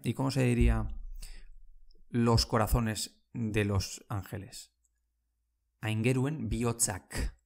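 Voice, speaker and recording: With a gravelly, mid-range voice and a steady tone, this man teaches Basque informally, going over words patiently and slowly. He repeats terms often and checks on his listeners with "¿vale?"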